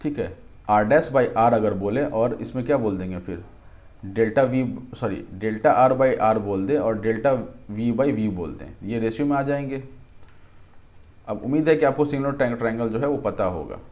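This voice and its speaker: A man with a lowish, darkish voice and a normal speed walks through a physics lesson at the board. His style is conversational, with thinking aloud, regular check-in questions, and frequent restarts and self-corrections.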